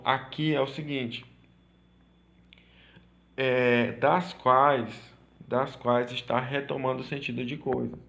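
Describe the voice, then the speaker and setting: A man's voice: medium pitch, creaky, a bit bright, dull audio. Man teaching a grammar lesson. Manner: repetitive, checks in with "certo?" and "tá?".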